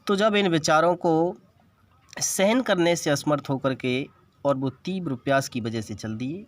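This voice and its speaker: A man's voice: on the high side, unhurried. A man teaching an English lesson, reading English lines in an Indian accent and explaining each word patiently. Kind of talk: bilingual classroom lesson explaining an English text.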